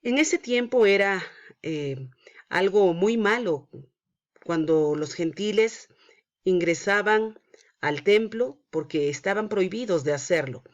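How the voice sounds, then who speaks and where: A woman's voice: mid-range voice, animated, slow. Woman Sunday school teacher, storytelling for kids, slightly muffled lo-fi sound. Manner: prays then narrates a Bible story to children. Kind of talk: Bible story lesson for children.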